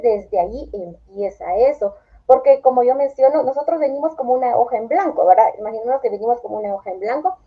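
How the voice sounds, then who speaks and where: Calm explaining woman, dull lo-fi audio. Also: on the high side. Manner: calm, explanatory, acts out quoted phrases. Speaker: therapist guest. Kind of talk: explanatory interview answers. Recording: dull lo-fi sound.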